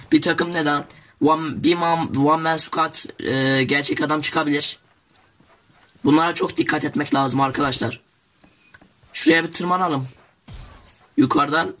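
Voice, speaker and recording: Teen boy yapping over his game, jokey and hyped, bright punchy voice. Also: fairly high pitch. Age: teens. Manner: excitable, jokey, talks to viewers as "arkadaşlar". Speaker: gaming YouTuber. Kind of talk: casual gameplay commentary.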